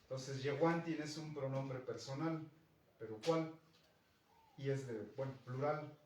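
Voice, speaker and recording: A man's voice: mid-range voice, measured pace, darkish tone. Mexican male language teacher, patient classroom explainer, recorded from across an echoey room with faint hiss. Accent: Mexican Spanish. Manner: patient, checks in with "¿no?" and "¿sí?". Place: school classroom. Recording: echoey classroom, distant mic, faint noise.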